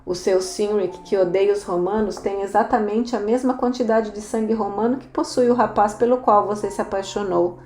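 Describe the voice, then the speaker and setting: A woman's voice: mid-range voice, fairly even intonation, normal speed, hardly any pauses, darkish tone, slight background noise, lightly acted. A woman reading a bitter, frank older priestess. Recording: roomy echo, faint music.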